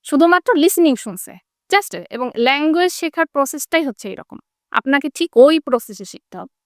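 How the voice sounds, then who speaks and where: A woman English teacher explaining in an interview. She asks rhetorical questions and keeps checking in with quick tag questions. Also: high-pitched, animated, dry recording, studio quality.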